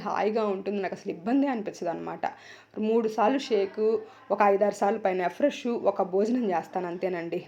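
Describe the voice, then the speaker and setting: A woman in her thirties, a wellness coach, chatting loudly and energetically in a casual vlog. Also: medium pitch, muffled recording. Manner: loud, fast, energetic chatter.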